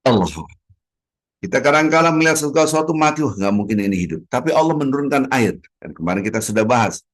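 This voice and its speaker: A middle-aged man from Indonesia preaching a dawn sermon in a mosque. His voice is mid-pitched and he tells his stories with a lot of drama, acting out short exchanges between people. He keeps switching between loud exclamations and soft, low asides. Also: animated, fast talker. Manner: acts out little dialogues in sermon.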